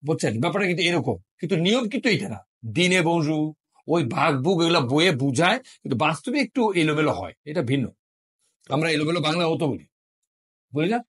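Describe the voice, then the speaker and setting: A man's voice: fairly high pitch, big pitch swings, brisk, husky. A middle-aged man from Bangladesh teaching a French class, patiently drilling pronunciation and explaining usage. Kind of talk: classroom lesson.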